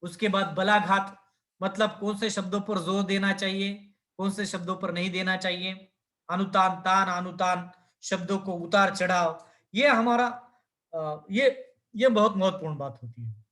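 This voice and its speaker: A man's voice: high-pitched, a little slow, fairly bright tone. A male teacher giving a lecture, explaining step by step with fillers and self-corrections. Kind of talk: lecture on language skills.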